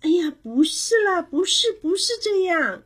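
A woman's voice: sits high, a little slow, voice pushed up. A woman voicing an eager little boy who keeps showing off his drawing. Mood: disappointed. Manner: excited, insistent calling out.

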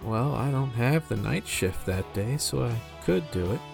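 A man's voice: medium pitch, expressive, unhurried, creaky, soft background music. A man voicing an awkward but friendly working guy who stammers a little and talks casually. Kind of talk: amateur audio drama acting.

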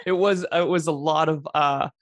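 A man's voice: a little high, steady tone, moderate pace, no echo. A man, telling his life story in an earnest, emphatic conversational way. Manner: earnest, emphatic, repeats phrases for effect. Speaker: podcast host telling his story as a guest.

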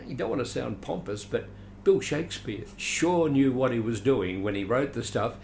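Gravelly and darkish, his mid-range voice stays expressive while he moves at a moderate pace, with slight hiss or hum behind him. The speaker is an elderly veteran actor from Adelaide, Australia, rambling through recollections in a chatty interview and poking dry fun at himself.

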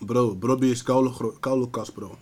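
A man co-hosting a podcast, arguing fast and calling his friend "bro" all the time. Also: medium pitch, fairly even intonation, a little mellow. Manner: fast, argumentative, says "bro" constantly. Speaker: podcast co-host. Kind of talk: casual chat.

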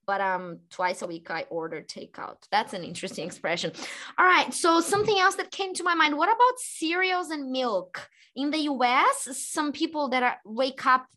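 Bright-voiced woman asking curious questions. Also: high voice, normal speed. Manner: curious, asks many follow-up questions. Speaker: English teacher. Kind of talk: casual conversation lesson.

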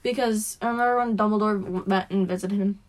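A woman's voice: mid-range voice, fairly even intonation, fast. A young woman co-hosting a casual podcast, chatty and giggly, with lots of "like" and "um". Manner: chatty, giggly, filler-heavy. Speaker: podcast co-host. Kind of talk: casual chat.

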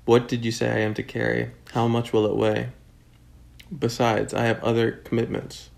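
A man's voice: mid-range voice, monotone, normal speed, gravelly, darkish tone. A man voicing a grumbling, self-pitying old male camel in a read-aloud storybook. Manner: complaining, fussy, theatrical.

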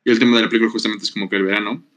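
Low-voiced co-host. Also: male voice, level tone, very fast, a bit bright. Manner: explains details, informative. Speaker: podcast co-host. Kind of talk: casual film chat.

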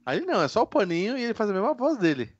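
A Brazilian man co-hosting a casual podcast, talking haltingly with stumbling restarts. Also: high-pitched, sing-song, husky, no echo. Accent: Brazilian Portuguese. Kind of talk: casual movie review chat. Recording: dull, dry lo-fi sound.

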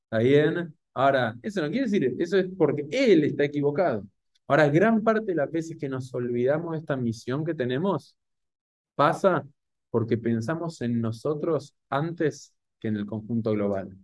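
A man with a Rioplatense Spanish accent giving a Torah class to an audience, animated and full of rhetorical questions. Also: fairly high pitch, moderate pace, no echo. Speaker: rabbi or Torah teacher.

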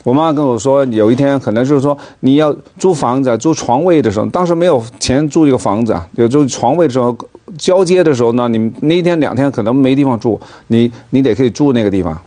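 A middle-aged or older man speaks Mandarin with a Hong Kong Cantonese accent. His voice is soft-edged and mellow, and he talks casually, stumbling and doubling back on phrases. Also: medium pitch. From Hong Kong, born in Guangzhou. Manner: halting, repeats words and phrases. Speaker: panel guest. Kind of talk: casual discussion, personal recollection.

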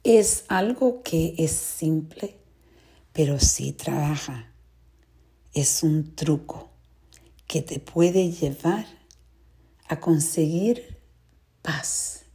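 A woman giving a calm, reflective talk, speaking softly and soothingly with pauses and sometimes dropping to a breathy whisper. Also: deep voice. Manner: soft, slow and soothing, with pauses. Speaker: wellness speaker.

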